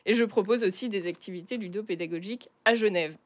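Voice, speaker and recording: A woman's voice: medium pitch, quick pace. A woman speaking as a guest author in a casual radio interview. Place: radio studio. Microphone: studio microphone.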